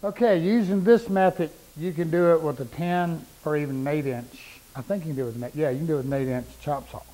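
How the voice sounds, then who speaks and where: A man's voice: a little high, quick pace, warm tone, poor audio. A middle-aged man demonstrating cuts in his woodworking shop, plain-spoken and repeating points for emphasis while he works, on a lapel mic. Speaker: woodworking instructor. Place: woodworking shop with power saws.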